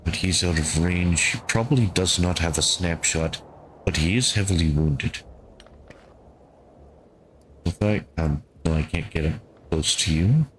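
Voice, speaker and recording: A man giving calm gameplay commentary, thinking aloud and talking to his squad as he plays. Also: deep voice, measured pace, pauses often, a little hiss or hum. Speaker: gameplay streamer.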